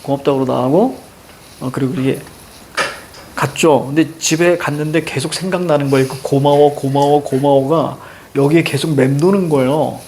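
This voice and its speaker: A middle-aged man teaching a class, telling a personal story in a lively, casual way and mixing informal and polite speech. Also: on the high side, normal speed, a little hiss or hum. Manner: animated, switching between casual banmal and polite endings.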